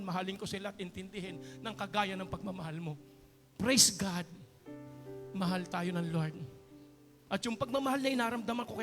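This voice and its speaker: A man preaching a sermon as pastor, joking with the congregation and calling for applause, moving between quiet talk and shouted praise. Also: high voice. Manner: jokes with the congregation and calls for applause. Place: church hall. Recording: church hall with long reverb.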